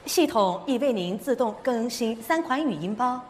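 A woman playing a polite, composed car navigation assistant with measured, neutral announcements in a comedy sketch. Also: a little high, expressive, noisy background, natural voice. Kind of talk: comedy sketch stage acting.

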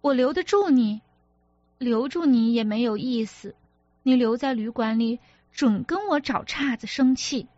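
Brief: woman reader doing a petulant young wife, sharp-tongued and hurt, slow and high, audiobook character voice. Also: no room sound, dull audio. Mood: reproachful. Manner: reproachful, sulky, sharp-tongued.

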